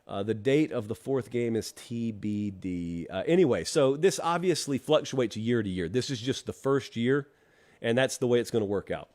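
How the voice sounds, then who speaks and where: On his live college football talk show, streamed solo and featuring an ad read, a middle-aged man chats through allergy congestion and throws wry comments toward the live chat. His mid-range voice is a little mellow, with lively intonation at a normal speed.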